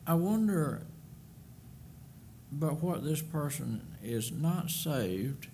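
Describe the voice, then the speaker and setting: An older male preacher speaks very slowly in a slightly high, mellow, animated voice, giving an earnest sermon into a pulpit microphone in a church sanctuary. He stresses his points and doubles back on words, and faint room ambience hums in the background.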